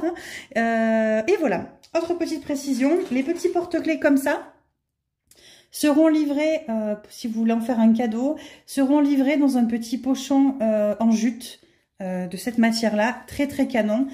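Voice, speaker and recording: A woman's voice: a little high, moderate pace, mellow. A middle-aged woman chatting casually to camera, enthusiastic and full of fillers as she shows off handmade products. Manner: enthusiastic, many fillers and repeats. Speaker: vlogger showing handmade products.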